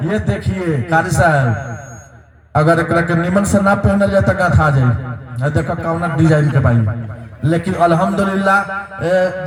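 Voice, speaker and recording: A man with a Bhojpuri accent announcing donations at a religious gathering, lively and breaking into loud sung verses. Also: a little high, echoey room. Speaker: madrasa event fundraiser announcer. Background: crowd.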